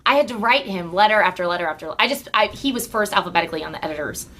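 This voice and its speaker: Chatty woman guest, quick to laugh. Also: medium pitch, animated, a bit bright. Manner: chatty, self-interrupting, laughs easily. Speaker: podcast guest. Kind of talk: casual chat.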